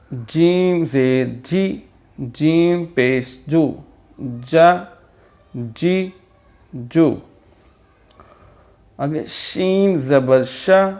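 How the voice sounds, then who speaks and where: A man teaching Quran letters, slowly sounding out syllables and repeating them patiently in a lesson. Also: fairly high pitch, a little mellow. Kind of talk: slow recitation lesson with drills.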